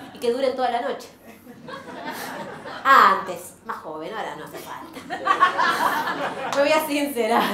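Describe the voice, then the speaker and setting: A woman doing a stand-up comedy monologue with an animated, self-mocking delivery and a Rioplatense Argentine accent. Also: sits high, a little hiss or hum. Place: theater stage. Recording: roomy theater sound.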